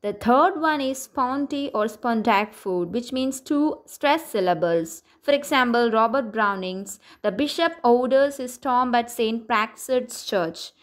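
Woman, young adult, higher register; methodical explainer for a lesson, lists terms with examples. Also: animated, a little slow, few pauses. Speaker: teacher.

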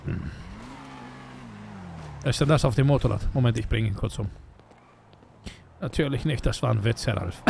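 A young man with an intensely gravelly, creaky voice, bantering in character during a game roleplay. He jokes constantly and drops Spanish words into his sentences. His pitch sits in an everyday middle range. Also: normal speed, long pauses, darkish tone, slight background noise. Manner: joking, sprinkles Spanish words into German. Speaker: streamer playing a roleplay character.

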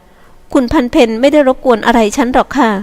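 A woman voicing a gentle, forgiving young girl who speaks softly and sweetly. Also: fairly high pitch, steady tone, brisk, pitched above the performer's own voice, lightly acted. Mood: puzzled. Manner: soft, sweet and soothing.

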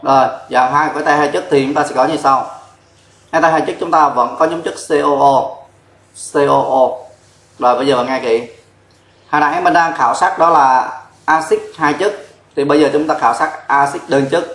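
A man's voice: fairly high pitch, a little fast, fairly bright tone. Man teaching chemistry in an echoey room. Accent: Vietnamese. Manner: explains step by step, spells out formulas letter by letter. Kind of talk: whiteboard chemistry lesson. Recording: echoey classroom sound.

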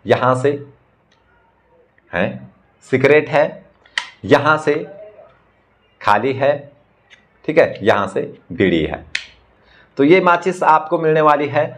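A man who is a magician, briskly showing and explaining magic props one after another in a casual demo. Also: medium pitch. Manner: brisk, talking props through each trick. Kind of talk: casual product demonstration.

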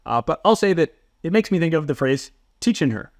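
A man's voice: on the high side, lively intonation, a little fast, no room sound. A man narrating a psychology lesson in a methodical, explanatory way, with dry self-deprecating humor. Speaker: psychology instructor. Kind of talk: scripted educational narration.

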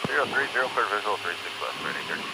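Male pilot over the radio, quick clipped readbacks, heavy engine noise. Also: on the low side, very animated. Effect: pilot over the aircraft radio. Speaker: airline pilot reading back clearances. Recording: radio transmission under loud aircraft noise.

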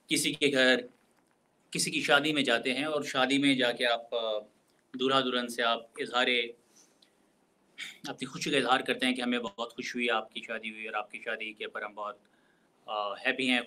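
A man giving a recorded university lecture, explaining carefully, mixing in English phrases and slowing down to stress key words. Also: medium pitch, pushed and bright, poor audio.

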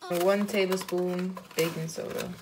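A woman's voice: on the low side, steady tone, moderate pace, background noise. A woman giving a casual cooking demonstration in her home kitchen, chatting offhand while she measures. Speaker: cooking vlogger. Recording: loud kitchen clatter of dishes and utensils.

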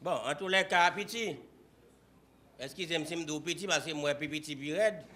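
A man's voice: fairly high pitch, normal speed, bright, forceful tone. A man with a Haitian accent playing a playful, teasing debate moderator in a comedy sketch. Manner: playful, teasing, mixes French and Creole. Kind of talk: improvised comic debate sketch.

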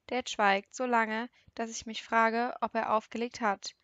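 A woman reads an audiobook in a calm, measured first-person style. Her voice sits a little high, and the recording is close and dry with no room sound. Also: no room sound, dull audio. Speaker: audiobook reader. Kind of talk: audiobook narration.

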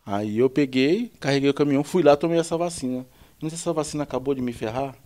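Talking fast in a medium-pitched voice, this truck driver from the São rambles through a long personal story as a guest on a casual podcast. He animates the tale by quoting what people said to him.

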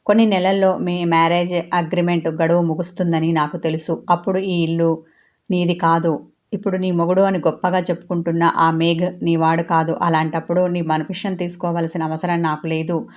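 Woman voicing a sarcastic, taunting young female rival in a storybook; low-set voice, narrow in pitch. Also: little pitch movement, a little fast, darkish tone, lightly acted.

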